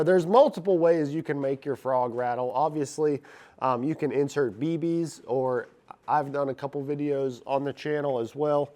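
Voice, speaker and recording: A man with a slightly high, raspy voice hosts a casual fishing how-to vlog, sounding a bit stuffed up and congested. He talks straight to his viewers in a chatty, upbeat way. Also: darkish tone. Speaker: fishing channel host.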